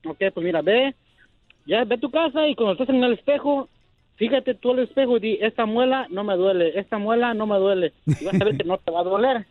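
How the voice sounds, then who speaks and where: A male caller with a fairly high voice tells a rambling joke over a tinny phone line. He is chatty and loose, and he repeats himself as he builds to the punchline. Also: expressive, a little fast, dry recording. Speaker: caller telling jokes.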